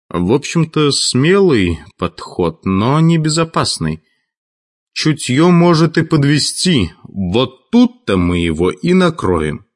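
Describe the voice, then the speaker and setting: A man voicing a stern male chief of mages who speaks dryly and in a measured way, in an audiobook. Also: medium pitch, voice pushed up. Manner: dry, measured.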